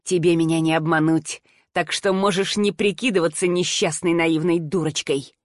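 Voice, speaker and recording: Cold fanatical woman villain, read by a woman narrator, slow menacing delivery, contemptuous, dry recording. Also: lowish voice, steady tone, no room sound, voice pushed down, close to an everyday voice.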